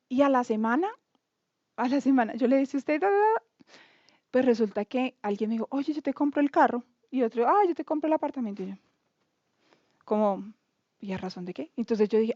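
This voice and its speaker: Bogotá woman in her thirties, high voice, candid self-mocking testimony, slightly muffled dry recording. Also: darkish tone, dry recording. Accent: Bogotá Colombian. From Colombia, Bogotá. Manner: candid, chatty, self-mocking, acts out quoted dialogue. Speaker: testimony speaker. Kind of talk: casual spoken testimony.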